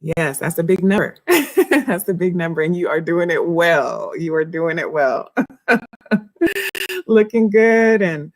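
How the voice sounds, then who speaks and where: A woman hosts a casual live stream with bubbly, effusive warmth toward her viewers. Her voice sits a little low for a woman and crackles with vocal fry. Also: steady tone, normal speed, hardly any pauses, dry recording, studio quality.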